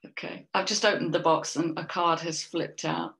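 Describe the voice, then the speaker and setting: A woman doing a spiritual tarot card reading, talking slowly and musingly, trailing off and starting over, with little laughs between thoughts. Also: lowish voice, fairly even intonation, creaky, fairly bright tone. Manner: slow, musing, trails off and restarts. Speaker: tarot reader and soul coach.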